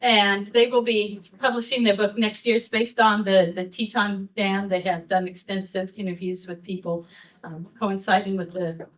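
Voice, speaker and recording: A woman's voice: medium pitch, steady tone, normal speed, a bit bright, distant mic. A woman introducing a speaker at a library talk, reading from notes with small slips and ums. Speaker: event host introducing the speaker. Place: library event room.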